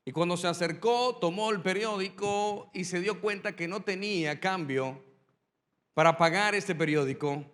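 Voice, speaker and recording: A man preaching a sermon as a pastor, telling a story and then driving the lesson home with repetition and dramatic pauses. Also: high voice, fairly bright tone, long reverb tail.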